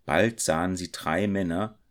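A man reading a classic tale aloud in a steady, measured storytelling voice. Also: low-pitched. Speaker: narrator.

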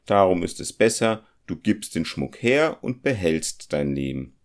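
A man's voice: deep voice, very animated, measured pace, heavily acted. A practical, unflappable craftsman talks his nervous friend down, as a man reading a story puts him on. His voice is firm, slightly raised and matter-of-fact. He sounds reassuring and mildly dismissive, in the manner of a storybook. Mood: persuading. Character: calm, practical male compass-smith traveller.

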